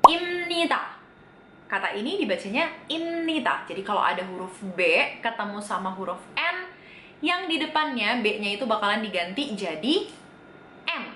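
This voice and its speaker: A woman's voice: mid-range voice, big pitch swings, noisy background. Chatty woman teaching Korean, echoey room. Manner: chatty, asks the viewer questions and answers them; repeats each Korean word slowly. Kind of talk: casual video lesson on reading Korean.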